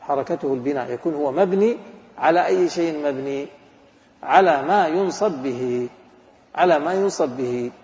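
A man's voice: a little high, a little mellow, big-room sound. A man teaching an Arabic grammar lesson, asking his students questions and then answering them himself. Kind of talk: classroom lesson.

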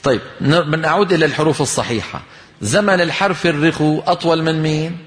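A man's voice: fairly high pitch, fast. A man teaches Quran recitation, explaining rules and quizzing his listeners. He breaks into short chanted examples now and then. His voice carries a long reverb, as if in a big hall. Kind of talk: tajweed lesson with recited examples.

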